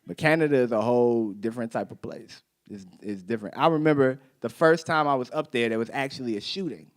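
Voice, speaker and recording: A man's voice: mid-range voice, fast. A man performing a stand-up set on a theater stage, telling stories and acting out voices into a handheld mic. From Chicago, USA. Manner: animated storytelling, acting out voices. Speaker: stand-up comedian.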